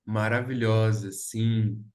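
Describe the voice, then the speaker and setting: A man hosting a conversation, gentle and affirming toward his guests. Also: on the low side, steady tone, takes it slowly. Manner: gentle, affirming, laughs easily. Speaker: podcast host.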